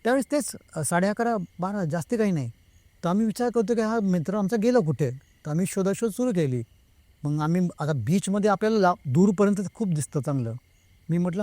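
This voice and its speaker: A man's voice: a little high, dark tone, no room sound. A man casually telling a true spooky story as a guest, acting out what others said himself and slipping between two languages. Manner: retells the talk of others himself, slipping between Marathi and Hindi.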